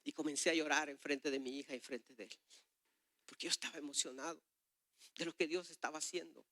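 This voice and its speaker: A middle-aged man preaching a sermon, telling a personal story with passion, swinging between loud and soft. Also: on the high side, steady tone, a little fast, no room sound, clean studio sound.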